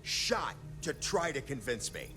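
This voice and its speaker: An actor playing a gruff, curt and sardonic corporate agent in a video game. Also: male voice, mid-range voice, huge pitch swings, a little slow. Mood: curt, resigned. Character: gruff, impatient corporate agent following orders. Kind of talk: scripted game dialogue. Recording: music behind the voice.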